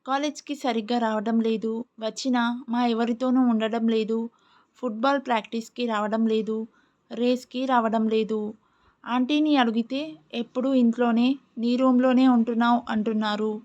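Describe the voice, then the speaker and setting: A woman's voice: fairly high pitch, fairly even intonation, normal speed, darkish tone, lightly acted. Pushy teasing college buddy, lady reading him, muffled audio. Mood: concerned. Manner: pressing, teasing. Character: teasing, caring young male college friend. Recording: muffled lo-fi recording.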